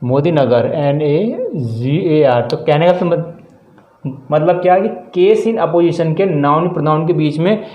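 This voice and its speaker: A man's voice: on the high side, a little mellow. A man teaching a grammar lesson step by step, spelling out words letter by letter and checking in often. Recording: echoey room.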